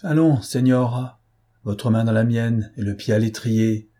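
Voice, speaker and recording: A man's voice: mid-range voice, measured pace, mellow, lightly acted. A man reading an audiobook, playing a vengeful, brooding Spanish man who speaks in a cold, solemn, threatening way. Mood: menacing.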